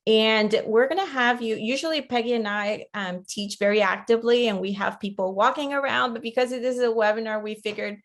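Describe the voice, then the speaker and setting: A Costa Rican teacher educator presents an interactive online webinar lecture, speaking conversationally and frequently checking in with her listeners. Her voice is fairly high, and she talks fairly quickly with hardly any pauses.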